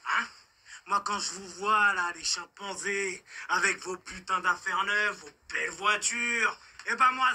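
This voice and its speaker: A man's voice: high-pitched, full character voice. A man playing a sneering sadistic concierge. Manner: taunting, swings from soft coaxing menace to shouting. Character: menacing sadistic bigoted male concierge. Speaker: racist concierge attacking a man.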